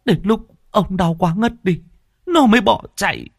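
A man putting on a distraught village wife who wails in a high, breaking voice. She sobs and laments, and her pitch jumps all over the place. The sound is dry and close. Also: expressive, moderate pace, gravelly, no room sound, heavily acted. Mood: distraught wailing. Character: grieving wife wailing for her husband.

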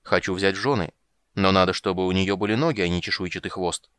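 Bossy loud prince, hot-headed, barking at everyone, dry close voice, as a man acts him. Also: deep voice, quick pace, clean tone, no echo. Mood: blustering. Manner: blustering, barking orders. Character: hot-tempered lovesick prince, bossy and rude.

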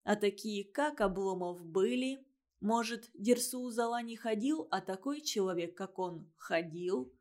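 A woman reading a story and voicing a stubborn, dreamy schoolboy in a thoughtful, quiet way. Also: medium pitch, expressive, unhurried, lightly acted.

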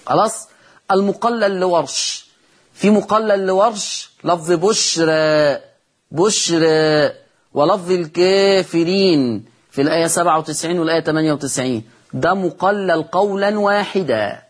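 Husky Egyptian sheikh teaching recitation. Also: male voice, sits high. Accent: Egyptian Arabic. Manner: asks the class questions and answers them himself, models each word slowly. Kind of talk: explaining recitation rules.

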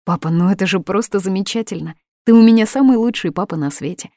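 A woman voicing a young actress daughter who reassures quickly and eagerly. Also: mid-range voice, dark tone, dry recording, studio quality, pitched above the performer's own voice, lightly acted.

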